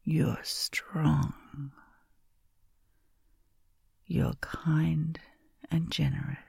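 A woman whispers close to the microphone in a soft, gravelly hush, unhurried and gentle. Her low voice stays dark and breathy as she coaxes the listener to rest. The sound is dry and intimate. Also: little pitch movement, no echo. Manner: soft, slow, soothing whisper. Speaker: comforting caretaker in a roleplay. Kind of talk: whispered ASMR sleep roleplay.

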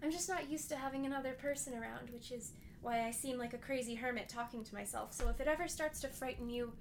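A woman playing a playful hermit woman who tends a wounded man, talking gently and often dropping into a half-whisper. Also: high voice, quick pace, slight background noise. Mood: teasing. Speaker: audio roleplay performer. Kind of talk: audio roleplay addressed to the listener.

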